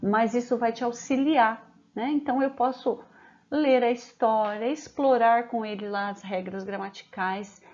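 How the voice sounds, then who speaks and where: A Brazilian woman with a fairly high voice leads a training session for teachers, explaining patiently and checking in with tag questions. The recording sounds dull and lo-fi. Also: fairly even intonation, darkish tone. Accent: Brazilian Portuguese. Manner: explanatory, frequent "né?" tag questions, slows down to dictate phrases.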